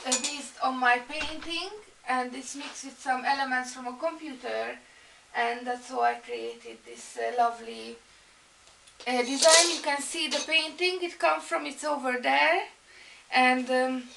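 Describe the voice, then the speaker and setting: Hungarian woman in her 30s talking about herself, high voice, lots of ums, echoey room. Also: gravelly, fairly bright tone, distant mic, a little hiss or hum. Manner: halting, many ums and restarts. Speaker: art and fashion student. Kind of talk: personal introduction video.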